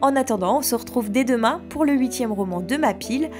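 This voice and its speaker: Calm French-speaking woman reviewing a book. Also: fairly high pitch, fairly quick, soft background music. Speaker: podcast host reviewing books. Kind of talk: scripted podcast book review.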